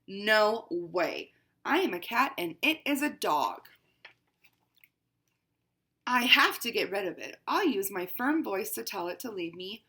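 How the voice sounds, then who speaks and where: A woman's voice: mid-range voice, sing-song, a little slow, pauses often, bright, forceful tone, full character voice. Woman reading as Merle, a haughty pampered cat. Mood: fussy. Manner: dramatic, exclaiming storybook reading. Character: haughty pampered house cat, female-ish narrator, fussy. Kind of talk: read-aloud picture book.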